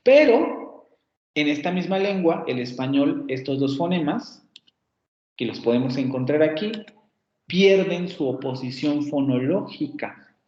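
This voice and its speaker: A male lecturer with a Mexican Spanish accent explains phonetics in a slow, careful way, often restating his points. His voice sits a little high for a man. The recording sounds roomy and dull, like a lo-fi class capture. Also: expressive, darkish tone. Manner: slow, deliberate, often rephrases and checks "¿sí?" with students.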